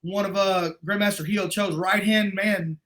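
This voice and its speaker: A middle-aged man talking as a guest in a casual conversation, telling stories in a rambling, animated way. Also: high-pitched, measured pace. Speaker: guest martial arts instructor.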